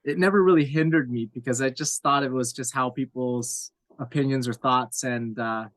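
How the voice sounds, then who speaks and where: A man's voice: medium pitch, fairly even intonation, moderate pace, fairly bright tone, dry recording, poor audio. A man in his thirties from Cape Breton Island, telling his story as a podcast guest in a candid, rambling, self-deprecating way with plenty of fillers. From Cape Breton Island, Nova Scotia, Canada. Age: 30s. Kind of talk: casual interview chat.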